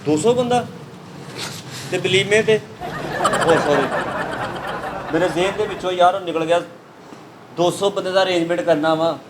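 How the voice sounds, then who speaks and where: In a comic sketch, a high-pitched man plays a brash caterer who mocks and teases while taking down an order. He talks at normal speed with long pauses, and steady noise runs behind his voice.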